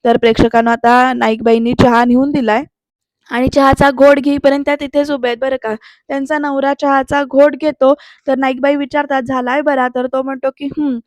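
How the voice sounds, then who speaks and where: A high-voiced woman narrating a TV episode recap as a voice-over. She talks straight to her viewers in a chatty, running way. The sound is dry and close, with no room around her. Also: flat delivery, brisk, darkish tone, no echo. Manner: chatty, addresses viewers directly with tag phrases. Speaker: serial reviewer. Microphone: close mic, voice-over.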